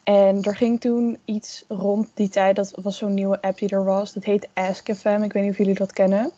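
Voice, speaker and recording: A woman's voice: mid-range voice, flat delivery, moderate pace, mellow, dry recording, highs cut off. A young woman in casual podcast chat, telling a long personal story with many fillers and quoted asides. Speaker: guest storyteller.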